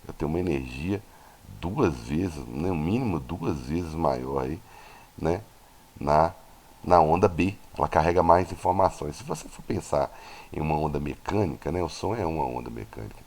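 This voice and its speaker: A Brazilian man with a very low voice teaches a physics lesson. He goes through each point step by step and stops often to check that his students are following. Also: expressive, normal speed, a little mellow. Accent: Brazilian Portuguese. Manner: explanatory, many tag questions. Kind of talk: recorded classroom lesson.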